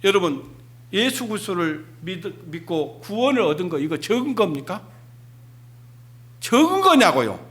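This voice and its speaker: A pastor preaching an emphatic Sunday sermon, firing rhetorical questions at the congregation. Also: male voice, high-pitched, sing-song, moderate pace, long pauses, fairly bright tone.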